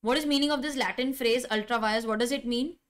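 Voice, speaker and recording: A woman's voice: on the high side, fast, fairly bright tone. A middle-aged woman with an Indian accent teaching a live online class, emphatic, repeating key phrases and putting questions to students. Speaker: law teacher.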